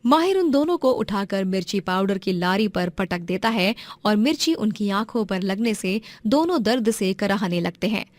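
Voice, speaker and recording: A woman narrates a moral story for a cartoon, steady and clear, with a plain, mid-pitched voice. The recording is dry and close. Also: normal speed, hardly any pauses, dry recording.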